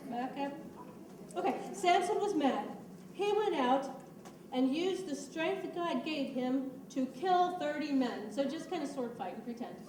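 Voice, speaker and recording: A woman with a high voice narrates a story while coaxing children through their lines in a church skit. She is heard from a distance in an echoey church room. Steady background noise runs under her voice. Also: unhurried. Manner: patient, coaxing instructions mixed with storytelling. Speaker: children's ministry leader directing a Bible skit. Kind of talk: narrating and stage-directing a children's play.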